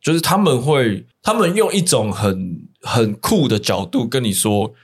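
A man's voice: medium pitch, lively intonation, unhurried, slightly rough. A man with a Taiwanese accent hosting a podcast in a colloquial, joking, casual way. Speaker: podcast host.

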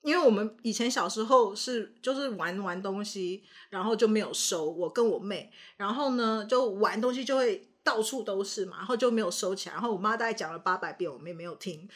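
A young woman co-hosting a casual podcast, telling childhood stories in an animated way and acting out her parents' lines. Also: mid-range voice, fairly quick, few pauses. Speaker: podcast co-host. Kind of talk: casual chat.

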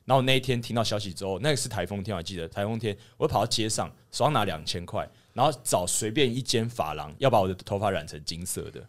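A man's voice: fairly low pitch, lively intonation, fast talker, few pauses, a bit bright. A young man with a Taiwanese Mandarin accent, a podcast co-host telling a long story in casual chat, rambling and sheepish, with many restarts.

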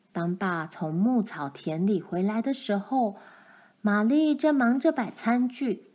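A woman reading a children's storybook chapter aloud, gentle and expressive. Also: mid-range voice.

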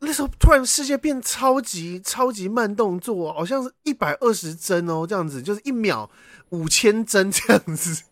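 A man's voice: sits high, lively intonation, moderate pace, a bit bright, dry recording, studio quality. A man, hosting a casual podcast and animatedly telling a dream story, acting out sounds as he goes. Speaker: podcast host.

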